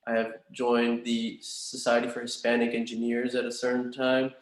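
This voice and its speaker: A man's voice: mid-range voice, completely flat delivery, normal speed. A man in his twenties giving polite, earnest, somewhat hesitant interview-style talk, with the big echo of a large room in a house. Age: 20s. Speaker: student in a practice job interview. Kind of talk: earnest, formal interview answers.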